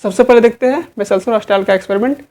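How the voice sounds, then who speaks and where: A woman teaching an exam-prep biology lecture. She keeps tossing questions at her students and answers them herself. Each key answer gets repeated, in a steady, drilling rhythm. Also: a little high, very fast.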